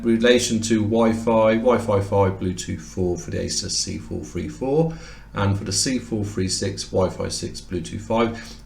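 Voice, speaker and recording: A man's voice: medium pitch, gravelly. A man losing his voice, talking casually and explaining as he compares two laptops in a review, now and then correcting himself mid-word. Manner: explanatory, conversational, occasional self-corrections. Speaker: tech reviewer. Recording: roomy echoey room sound.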